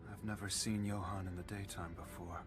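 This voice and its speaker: Deep, grave, haunted fugitive doctor a man acting. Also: fairly even intonation, a little fast, natural voice. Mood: haunted, determined. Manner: grave, resolute, terse. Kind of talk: English anime dub acting.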